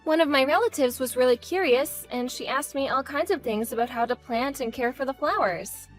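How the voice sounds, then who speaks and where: A meek daughter-in-law, played by a woman in an audio drama, speaking in a high voice. She is polite, placating and keen to please, with faint music behind her. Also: fairly quick, close to an everyday voice. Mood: polite, uneasy. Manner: apologetic, placating. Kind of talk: scripted audio drama acting.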